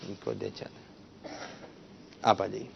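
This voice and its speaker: A man's voice: on the low side, level tone, gravelly, a little hiss or hum. A man hosting a children's quiz show, coaxing the kids and correcting their pronunciation. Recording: muffled lo-fi broadcast sound.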